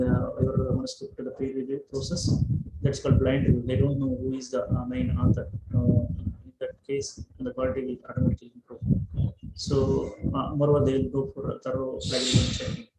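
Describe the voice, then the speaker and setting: A male lecturer talks through an online class, stopping often to search for words and restarting phrases. The sound is roomy and echoing, with steady noise on the line. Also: mid-range voice. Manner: hesitant, many fillers and restarts. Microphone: microphone held away at first. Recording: echoey room, noisy line.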